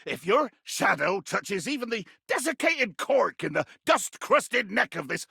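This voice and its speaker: A grandiose, murderous pirate captain for a video game. His voice is piercingly forceful and thick with gravelly creak, leaping wildly up and down as he rolls out florid, archaic sea-dog menace. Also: high-pitched, sing-song, unhurried, no echo, studio quality, heavily acted. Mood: furious, grandiose. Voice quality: raspy, gravelly growl. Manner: grandiose, archaic seafaring speech with florid threats. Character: bombastic, bloodthirsty, theatrical pirate captain trapped in a bottle. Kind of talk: theatrical video game character acting.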